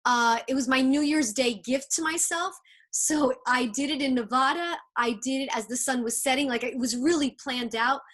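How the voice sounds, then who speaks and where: High-voiced chatty woman host. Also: moderate pace, fairly bright tone. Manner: enthusiastic, chatty storyteller. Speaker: interview host. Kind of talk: casual conversational interview.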